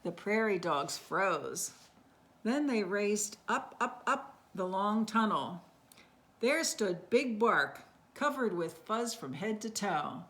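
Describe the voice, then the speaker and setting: A woman reading a picture book aloud at storytime, expressive, with asides about the pictures. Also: mid-range voice, slow pace. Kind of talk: read-aloud storytime with voices.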